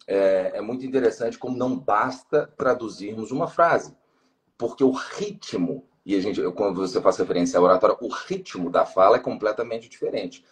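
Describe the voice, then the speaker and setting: A Brazilian man with a Brazilian Portuguese accent, talking as a guest on a live stream. His voice is on the low side, and he lays out his points in a measured, articulate way. He comes through a video call. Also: poor audio. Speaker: guest, former student.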